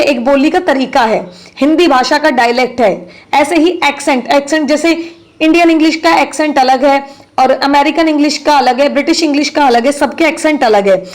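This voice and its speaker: A woman walks students through an answer key. She reads each English sentence slowly and deliberately, then explains it in Hindi. She keeps checking whether they follow her. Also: sits high. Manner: explains each item then repeats the answer, asks "clear?". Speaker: exam-prep English teacher.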